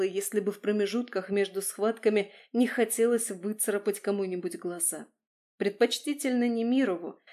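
A woman reading a novel aloud as a first-person audiobook narrator, in a steady, expressive way. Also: medium pitch.

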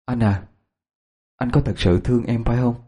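A man voicing a bewitched young woman, making cold, insistent demands in a husky voice. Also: mid-range voice, moderate pace, mellow, natural voice. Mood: pleading, cold.

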